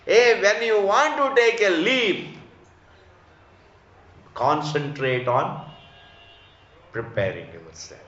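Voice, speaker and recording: Slow-speaking Indian man teaching, echoey room. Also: high-pitched, big pitch swings, fairly bright tone. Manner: emphatic repetition, rhetorical questions, didactic. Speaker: spiritual teacher giving scripture discourse. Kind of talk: religious discourse. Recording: echoey room, slightly dull sound.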